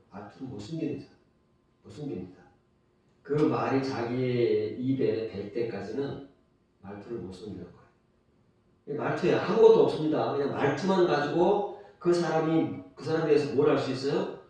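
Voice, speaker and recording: Korean pastor preaching in an echoey hall. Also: male voice, medium pitch, dark tone. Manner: emphatic, repeats key phrases, asks rhetorical questions. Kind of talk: sermon. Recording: distant mic, very echoey church hall.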